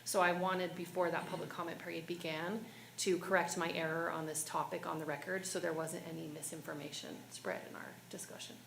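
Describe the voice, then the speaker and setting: Brief: woman board member, gravelly voice, formal and precise, echoey room. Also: on the low side, little pitch movement, brisk, fairly bright tone, slight background noise. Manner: precise, formal, correcting herself. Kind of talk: formal statement for the record. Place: school board meeting room. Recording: echoey meeting room, faint ambience.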